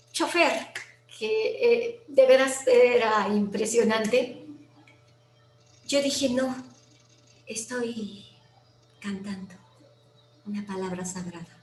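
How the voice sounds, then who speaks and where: Animated Mexican woman telling a story. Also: a little high. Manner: animated, acts out quoted voices, drops to near whisper. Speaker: guest. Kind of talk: personal storytelling. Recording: roomy with faint background noise.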